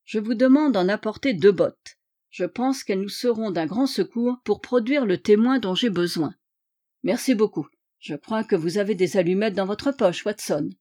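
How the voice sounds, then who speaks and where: A woman's voice: medium pitch, moderate pace, mellow, close to an everyday voice. A woman voicing Sherlock Holmes as a shrewd, playful male detective in an audiobook, courteous and wry. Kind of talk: audiobook character reading.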